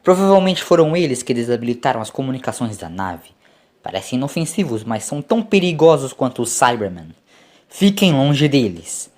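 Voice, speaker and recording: A man voicing a calm, grave, commanding doctor adventurer in an audio story. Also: mid-range voice, a little fast, natural voice. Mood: urgent warning. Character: calm, commanding male time-travelling doctor, quietly grave. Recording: clear background noise.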